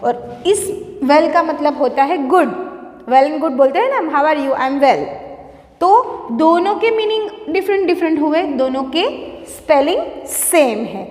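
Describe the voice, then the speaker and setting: A woman's voice: sits high, expressive, slow pace, darkish tone. A woman teacher with an Indian English accent explains a lesson to her students, repeating each point patiently and checking in with "okay?". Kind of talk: classroom lesson mixing Hindi and English. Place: classroom. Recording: echoey room, long reverb.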